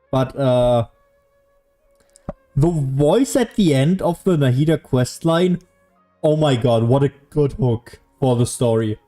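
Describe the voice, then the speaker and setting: Faint game music sits under this young man's casual, rambling commentary as he streams a game, cursing and running himself down. His voice is warm and medium in pitch.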